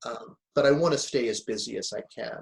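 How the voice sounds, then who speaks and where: A man around sixty, a speaker and author, talks through his ideas in an unhurried interview. His voice sits in a plain middle register. He leans into stories and laughs softly along the way. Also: medium pitch, vocal fry. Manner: reflective, storytelling, chuckles often. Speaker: guest, motivational speaker and author. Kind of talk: relaxed conversational interview.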